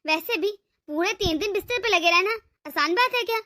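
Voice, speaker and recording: A domineering old mother-in-law from a cartoon, voiced by a woman, barking orders at the household in a bright, high voice with a bossy, commanding edge. She schemes and lords it over the family. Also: expressive, brisk, full character voice.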